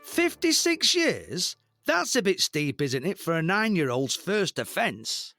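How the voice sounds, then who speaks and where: A man's voice: on the high side, very animated, a little slow, gravelly, fairly bright tone, soft background music, voice pushed up, full character voice. A man voicing a timid male defence lawyer who hesitates and pleads with the judge. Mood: pleading.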